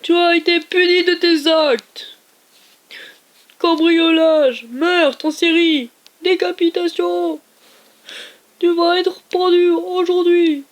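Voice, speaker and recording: A man voicing a stern male executioner who reads out a sentence in a slow, solemn way. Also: very high voice, flat delivery, voice pushed up, exaggerated voice.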